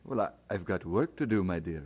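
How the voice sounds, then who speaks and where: For an audio drama, a male actor plays an earnest, modest Scottish minister. His voice is low-pitched and husky, and his delivery is brisk and expressive.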